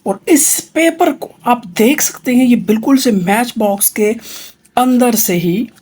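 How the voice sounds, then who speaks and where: A man with a Pakistani accent and a husky, high voice, presenting magic in a showy kids' party magician manner. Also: lively intonation, measured pace, a little mellow. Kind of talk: magic show patter to viewers.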